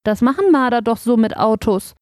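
Timid little toy truck boy, high and anxious, storybook vehicle, dry close sound, woman voicing him. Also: expressive, moderate pace, a little mellow, no room sound, close to an everyday voice. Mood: earnest. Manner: anxious, innocent. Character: small timid male toy truck, naive. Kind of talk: audiobook character voice.

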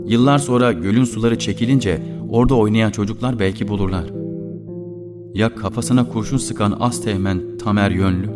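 A man narrating a literary story in the first person, in a somber, reflective way, with soft guitar music behind him. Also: lowish voice.

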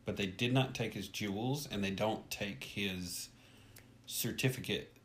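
A man's voice: fairly low pitch, measured pace. A man co-hosting a podcast, talking casually about a book and agreeing often. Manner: agreeable, lively, frequent back-channel affirmations. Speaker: podcast co-host.

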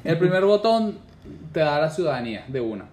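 A man's voice: a little high, very animated, fairly quick, a little mellow. A young man with a Venezuelan accent, bantering and joking in casual chat, laughing often. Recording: echoey room, faint noise.

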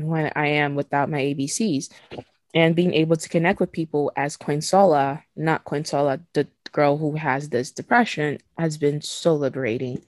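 A low-pitched, darkish female voice on a dry recording: a Nigerian woman in her twenties hosts a candid podcast conversation. She talks frankly and emotionally, swears casually, and laughs between thoughts.

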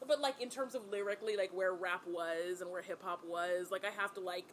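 A woman's voice: fairly low pitch, fairly even intonation, fairly quick. A woman from California co-hosting a podcast, teasing and profane in casual chat. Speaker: podcast co-host.

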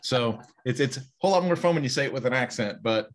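A man's voice: medium pitch, lively intonation, very fast. A man hosting a podcast interview, chatty and upbeat, wrapping up with a guest. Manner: chatty, laughing, plugs the guest. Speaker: podcast host. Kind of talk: casual interview chat.

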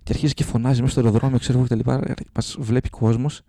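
A man co-hosting a podcast who tells a rambling story in casual chat, speaks with a Greek accent, stumbles and restarts often, and acts out the people in it with sudden high jumps in his voice. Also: little pitch movement, warm tone, dry recording, clean studio sound. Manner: halting, many restarts. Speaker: podcast co-host.

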